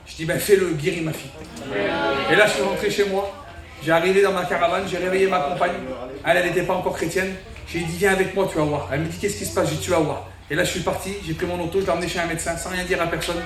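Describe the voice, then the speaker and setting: Man sharing a church testimony, high voice, far from the mic under a big tent. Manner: storytelling, quoting himself and others. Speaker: church member giving testimony. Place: large tent meeting. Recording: echoey tent, mic from a distance.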